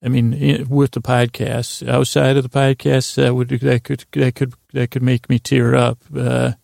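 Here a gravelly male host wanders through a bedtime podcast monologue at medium pitch, the studio sound clean with no room tone. His talk halts and restarts in stammers, drifts into tangents, and leans on dry, absurd jokes at his own expense.

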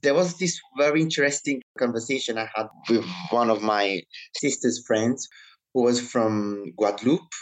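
A man's voice: medium pitch, normal speed, rough recording. Reflective non-native English-speaking man. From Italy. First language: not English; speaks Italian, French and Mauritian Creole. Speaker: interview guest. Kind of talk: conversational interview.

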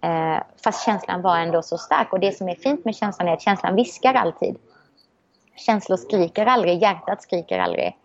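Reflective woman, slightly low voice. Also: sing-song, gravelly, highs cut off. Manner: reflective and optimistic, many restarts. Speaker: guest. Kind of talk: casual conversation.

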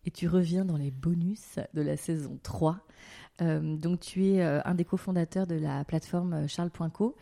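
Female podcast presenter, very warm and dark timbre, slightly low register. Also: fairly even intonation, moderate pace, gravelly, no room sound, clean studio sound. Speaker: podcast host. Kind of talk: scripted podcast introduction and casual interviewing.

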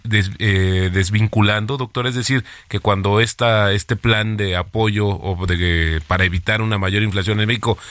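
A man's voice: on the low side, fairly bright tone, dry recording. A man, a radio interviewer asking long, winding questions with fillers.

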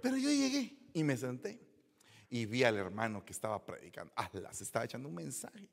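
A man's voice: mid-range voice, very animated, a little fast, gravelly. A man preaching a sermon, exclamatory and jokey, often laughing. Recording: church sermon with long hall reverb.

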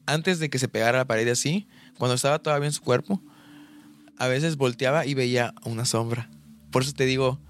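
A young man co-hosting a podcast, chatting casually with many restarts and fillers. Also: medium pitch. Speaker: podcast co-host. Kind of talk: casual chat.

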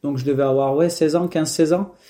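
A young Frenchman, a professional triathlete, answers a guest interview in a slightly high, steady, mellow voice at a somewhat fast pace. He sounds casual and hesitant, full of fillers and restarts.

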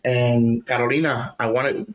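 Male host, mid pitch, eager and welcoming. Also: level tone, moderate pace, poor audio. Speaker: podcast host. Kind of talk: casual interview chat.

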